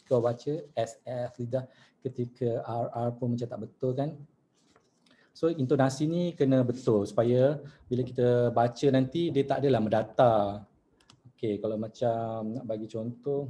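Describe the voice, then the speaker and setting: A man with a Malaysian accent runs an online masterclass for news presenters, speaking through a video call mic. His voice is mellow and warm at an ordinary pitch, and his manner is relaxed and chatty. He mixes in English words and shows how news lines are read. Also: a little hiss or hum.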